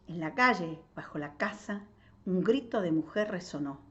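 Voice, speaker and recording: A woman with an Argentine accent reading a novel aloud, in a measured way with pauses, adding her own comments. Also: lowish voice, expressive, a bit bright. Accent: Argentine Spanish. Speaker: literature reader. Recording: dull lo-fi audio.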